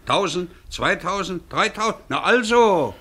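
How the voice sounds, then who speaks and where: An actor playing a curt, practical innkeeper in a radio drama. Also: male voice, sits high, expressive, unhurried, pushed and bright, full character voice. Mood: brisk, surprised. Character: brusque, businesslike male innkeeper. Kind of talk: German radio play acting.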